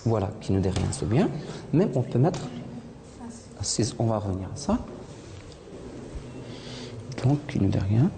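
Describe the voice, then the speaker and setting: A woman's voice: extremely low pitch, sing-song, unhurried, gravelly, pauses often. A woman teaching a French lesson to a class, asking questions, repeating students' answers and correcting their pronunciation. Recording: echoey classroom with loud noise.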